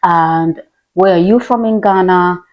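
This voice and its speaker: A woman's voice: on the low side, a little slow, muffled recording. A woman hosting an interview podcast, friendly and conversational, with some fillers. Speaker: host.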